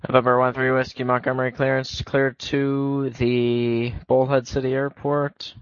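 A man working as an air traffic controller, issuing clearances in clipped radio phraseology. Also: mid-range voice, monotone, unhurried, no room sound. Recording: dull lo-fi radio audio.

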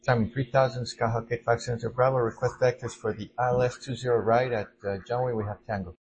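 A man's voice: mid-range voice, little pitch movement, fast, darkish tone, low-quality recording. A man speaking as a pilot over a cockpit headset radio, with clipped readbacks and call signs.

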